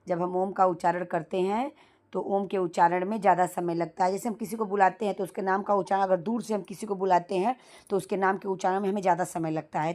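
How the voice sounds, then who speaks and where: A woman's voice: mid-range voice, a little mellow. A woman teaching exam-prep grammar from handwritten notes, explaining step by step and sounding out each vowel, with a conversational delivery. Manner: frequent fillers and restarts, conversational.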